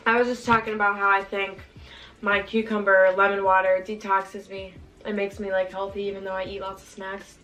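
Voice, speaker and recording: A woman's voice: medium pitch, level tone, brisk, bright, forceful tone. A woman hosting a mukbang, chatting casually and giggling as she eats. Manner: chatty, giggly, talks while eating. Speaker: mukbang host. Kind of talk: casual eating chat.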